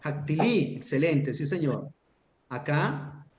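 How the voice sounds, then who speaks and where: Male teacher, mid pitch, patient and methodical, often asks if the class is following. Roomy, echoey sound. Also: very animated, slow. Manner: patient, checks understanding with frequent "¿listo?". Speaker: Hebrew grammar teacher. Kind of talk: classroom grammar lesson.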